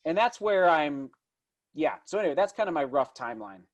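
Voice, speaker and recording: A man's voice: on the high side, sing-song, a little fast, lo-fi sound. A man in his thirties talking casually as an interview guest, enthusiastic and rambling, often restarting his thoughts mid-sentence. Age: 30s. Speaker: interview guest, distance runner and vlogger.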